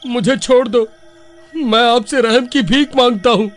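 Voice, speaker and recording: A man's voice: extremely high pitch, unhurried, over loud music. A man voicing a jittery young village man in a cartoon story, panicky and slangy. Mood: scared.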